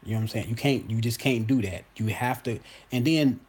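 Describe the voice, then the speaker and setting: A man's voice: mid-range voice, brisk, darkish tone, husky. A man in his forties giving his opinion in a casual monologue, emphatic and repetitive, talking straight to his viewers. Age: 40s. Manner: emphatic, repeats himself, addresses viewers as y'all. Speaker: boxing commentator host.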